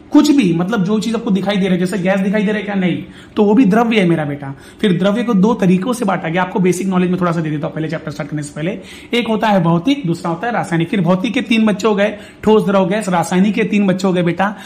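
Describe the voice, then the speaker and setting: High-voiced chatty male science teacher. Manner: chatty, addresses students as "beta"; repeats definitions slowly for emphasis. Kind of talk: casual classroom lecture.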